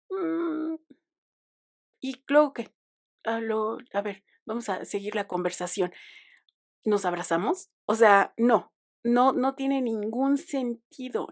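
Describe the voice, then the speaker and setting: A young Mexican woman hosting a podcast, telling a story in a chatty, digressive way with ironic asides. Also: on the high side. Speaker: podcast host. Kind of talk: casual monologue.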